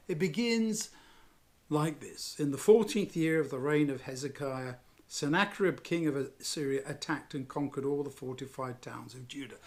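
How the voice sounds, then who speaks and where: A man teaching a Bible lesson, retelling the story in a lively, conversational way with asides. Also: medium pitch.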